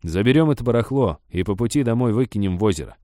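A man doing a gruff, nervous forester from an audiobook, blunt and grumbling. The voice runs low and dark, mellow in tone, and the recording is close and dry. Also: lively intonation, fast talker, no echo, lightly acted. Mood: gruff wary.

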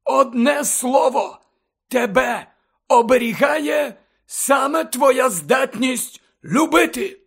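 A man voicing an elderly wizard headmaster who lectures urgently and emphatically, often close to shouting, in an audiobook reading. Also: extremely high pitch, animated, a little slow, gravelly, pitched above the performer's own voice, full character voice. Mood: impassioned. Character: elderly male wizard headmaster, fervent and impassioned.

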